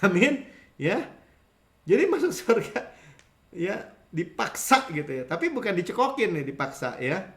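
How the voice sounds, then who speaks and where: Brief: fifties pastor, high voice, conversational sermon with acted-out quotes, echoey hall. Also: male voice, unhurried, long pauses. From Indonesia. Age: 50s. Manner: animated storytelling, acting out quoted voices, frequent chuckles. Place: church sanctuary.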